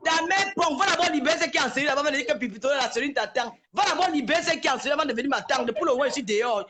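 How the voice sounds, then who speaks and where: A woman, ranting live and trading insults with her critics. Her voice sits high and sounds bright and sharp, and she runs on in a heated, confrontational tone. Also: lively intonation, racing, slight background noise. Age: 40s. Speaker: social media personality. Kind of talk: live-stream rant.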